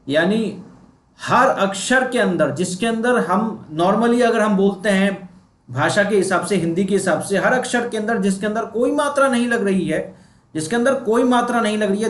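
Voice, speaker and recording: A man's voice: high-pitched, echoey room. A man teaching a diction class on a video call, explaining patiently step by step and repeating himself. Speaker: acting teacher.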